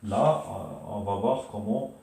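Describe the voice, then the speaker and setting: A man teaching a beginner's language lesson at a board, patiently repeating syllables and pausing often with hesitations. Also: fairly low pitch, vocal fry, warm tone. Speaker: Arabic teacher. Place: room with a board. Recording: echoey room, voice from a distance.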